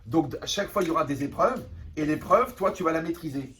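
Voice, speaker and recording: A man teaching a lively class to teenagers, repeating phrases, asking if the class follows, and acting out little scenes. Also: on the high side, fast talker, soft background music. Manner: animated, repeats phrases, asks the class "vous me suivez"; acts out little scenes in quoted voices. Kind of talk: lively spoken lesson to a class. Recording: voice from a distance with faint room noise.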